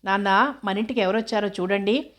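A woman's voice: mid-range voice, little pitch movement, fairly quick, close to an everyday voice. A woman reading as a dutiful grown son. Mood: earnest. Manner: gentle, coaxing.

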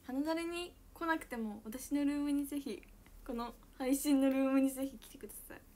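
A young woman with a high, bright voice and a chats casually with viewers on her livestream. She is bubbly and giggly, and she talks loudly. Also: brisk. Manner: giggly, bubbly, frequent laughter; self-describedly loud voice. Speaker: idol livestreamer. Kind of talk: casual chat reading viewer comments.

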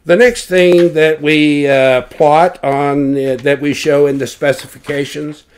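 This man's clear, resonant voice sits on the high side, steady in tone and measured in pace. As a loudspeaker designer, he explains measurements casually, raising rhetorical questions, answering them, and correcting himself.

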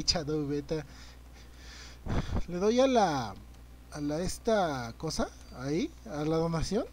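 A young man plays a game live on stream, yelping, cursing and chatting with viewers. His voice sits high for a man. A faint hiss of noise runs under the recording. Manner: excitable, swearing, reacting loudly and greeting chat. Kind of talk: live gameplay commentary.

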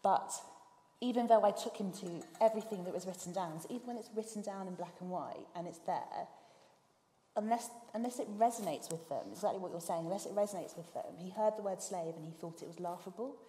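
A woman on a panel, speaking as a barrister and telling a story with quick emphasis. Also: medium pitch, dark tone. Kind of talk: panel discussion. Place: lecture hall. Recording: roomy hall reverb, faint ambience.

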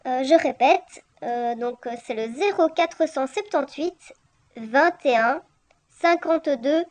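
A woman playing a keen, polite, hesitant flat-hunter leaving a voicemail. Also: high voice, takes it slowly. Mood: polite, eager. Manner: hesitant, polite, careful spelling. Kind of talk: scripted voicemail role-play.

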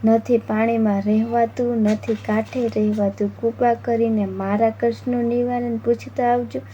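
A suffering talking crocodile from a devotional folk tale laments and pleads in a dark, mellow voice, as a woman narrator reads him. The tone stays level, with little rise and fall. The recording is dull and lo-fi. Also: on the high side, level tone, normal speed, natural voice. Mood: lamenting. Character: suffering talking crocodile, male, burning with pain. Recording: dull lo-fi with faint noise.

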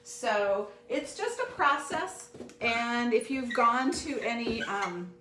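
A woman's voice: fairly high pitch, lively intonation, slow, noisy background. A middle-aged woman hosting a live home cooking demonstration, chatting to viewers while she works at the counter. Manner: chatty and friendly, talks to viewers while working. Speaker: cooking show host. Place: home kitchen, indoors. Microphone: fixed camera across the counter. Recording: roomy kitchen echo.

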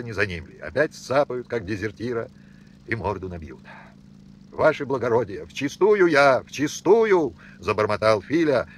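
A man reading a novel aloud as an audiobook, with expressive storytelling. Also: fairly low pitch, slight background noise. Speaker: audiobook reader. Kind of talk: audiobook narration.

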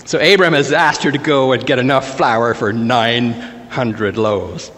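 Playful pastor in an echoing church. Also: male voice, mid-range voice, fairly even intonation, a little slow, fairly bright tone. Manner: playful, joking storyteller. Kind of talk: humorous sermon. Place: church sanctuary.

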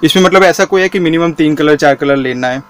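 A man's voice: a little high, fast talker. A man behind the camera interviewing a shirt seller, with constant eager agreement and follow-up questions. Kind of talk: market interview.

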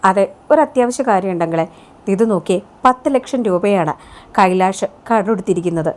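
A woman's voice: mid-range voice, a little fast, lightly acted. A woman doing a scheming young woman. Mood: conspiratorial. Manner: urgent, conspiratorial.

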